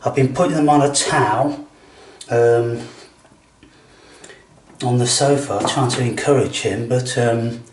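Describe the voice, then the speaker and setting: Slow-talking, coaxing man in an echoey room. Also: mid-range voice, fairly even intonation. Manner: coaxing, blokey, says "mate". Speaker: animal carer filming a home feeding. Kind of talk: casual murmured chat to a pet. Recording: echoey room, faint noise and clicks.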